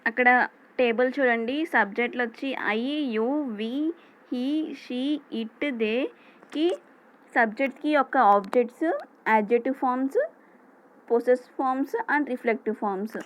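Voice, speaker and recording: A woman's voice: on the high side, a little hiss or hum, poor audio. Telugu-accented woman teaching grammar. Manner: reads English definitions slowly, then explains in Telugu. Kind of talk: explanatory lesson over slides.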